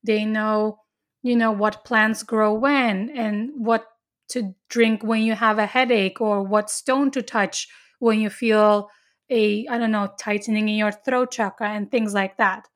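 A woman's voice: medium pitch, steady tone, unhurried. A woman chatting casually, earnestly explaining her spiritual beliefs at length with frequent restarts.

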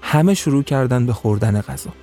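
Man, storyteller, measured dramatic narration, mellow, faint music behind. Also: mid-range voice.

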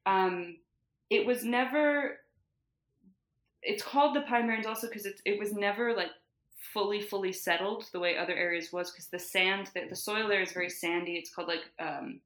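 A woman's voice: medium pitch, moderate pace, fairly bright tone. A woman from New Jersey, a podcast guest, explaining eagerly in casual chat and leaning on "like" fillers. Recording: roomy echo.

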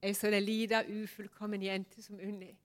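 A woman preaching a heartfelt sermon in a church and sharing a personal testimony. She speaks intimately and often drops to a soft near-whisper. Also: mid-range voice, little pitch movement. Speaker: pastor.

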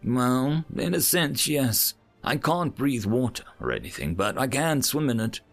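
An easygoing human spacer with a dry, unbothered manner, as a man puts him on. The voice has a creaky texture and lively rises, with faint music in the background. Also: mid-range voice, unhurried, voice pushed up. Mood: calm. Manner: dry, laid-back. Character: calm, wry human crewman among aliens.

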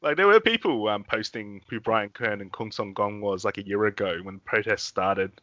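A man's voice: on the low side, normal speed, bright, forceful tone, no echo, muffled recording. A man co-hosting a podcast, chatting casually with lots of fillers and restarts. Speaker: podcast co-host. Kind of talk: casual chat.

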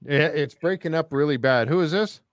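Easygoing chuckling radio host. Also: male voice, fairly high pitch, moderate pace, no echo. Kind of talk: casual radio chat.

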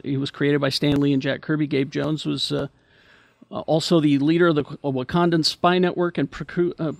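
A man hosting a casual panel chat, talking in a halting, stumbling way. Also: a little high, gravelly, dry recording. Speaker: podcast host.

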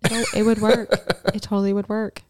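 A woman's voice: medium pitch, level tone, brisk, darkish tone, slight background noise. A woman co-hosting a casual podcast, talking frankly and laughing often. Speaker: podcast co-host. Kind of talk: casual explicit chat.

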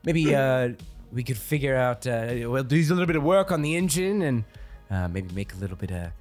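A man narrating a tabletop game as game master, animated and swearing freely. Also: mid-range voice, a little fast, soft background music.

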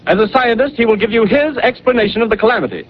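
An actor playing a brisk male radio studio announcer, reading formal bulletins in an old newsreel manner, on a muffled 1930s radio broadcast. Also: extremely high pitch, a little hiss or hum. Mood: urgent.

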